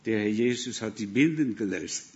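A man's voice: on the low side, expressive, moderate pace, lo-fi sound. A man from the Netherlands with a Dutch accent, preaching in German and telling missionary stories with acted-out dialogue. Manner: storytelling, acts out dialogue. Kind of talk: sermon with anecdotes.

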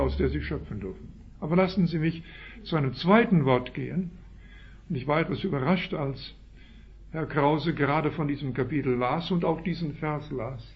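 A man with a Swiss German accent preaching a sermon, stressing key words with sudden loud rises and then dropping to quiet asides. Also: a little high. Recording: dull lo-fi recording.

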